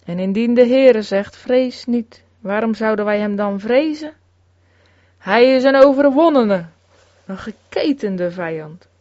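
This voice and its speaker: A woman's voice: a little high, warm tone, dry recording. Woman reading an old sermon solemnly. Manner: solemn, measured reading with archaic phrasing. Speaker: sermon reader. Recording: dull, lo-fi recording, dry.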